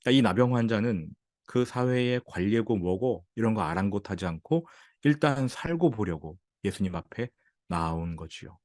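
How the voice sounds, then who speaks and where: Korean pastor preaching, low dry voice. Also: male voice, moderate pace, no room sound. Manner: animated preaching, acting out quoted speech. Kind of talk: sermon.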